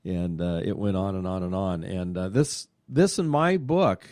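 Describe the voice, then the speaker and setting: A man hosting a radio show, chatting in a casual way, excitable and full of fillers. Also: deep voice, unhurried, no room sound, clean studio sound. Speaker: radio show host and money manager.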